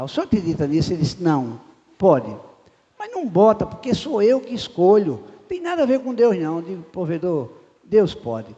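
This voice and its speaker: An older man, preaching a sermon as a pastor and acting out the voices in a personal story. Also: high-pitched. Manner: animated storyteller acting out dialogue. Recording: muffled reverberant church sound.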